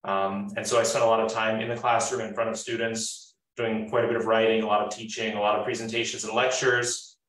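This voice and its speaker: A man's voice: lowish voice, little pitch movement, fairly quick, few pauses, fairly bright tone, echoey room, recorded from a distance, rough recording. A man in his thirties teaching an online class on a video call, organized and friendly with frequent fillers. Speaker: instructor.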